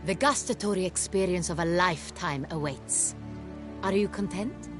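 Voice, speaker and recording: An actress plays a gracious duchess who rules her realm, speaking in formal, ceremonial phrases from a fantasy game. She sounds dignified and poised. Game music plays clearly behind her. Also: lowish voice, normal speed, natural voice. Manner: formal, stately court speech.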